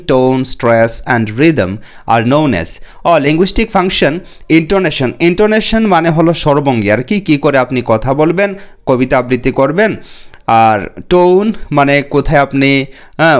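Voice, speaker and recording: A man teaching an exam prep lesson in Bengali, reading English question text slowly, then explaining each option and often repeating "remember.". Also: medium pitch. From India.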